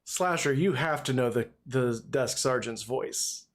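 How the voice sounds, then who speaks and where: A man's voice: mid-range voice, unhurried. A man in his thirties or forties giving casual, off-the-cuff commentary as he streams a video game.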